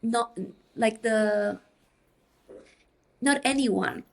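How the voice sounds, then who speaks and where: A woman from Peru, explaining her academic research in a measured, thinking-aloud way as a podcast interview guest. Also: on the high side, vocal fry.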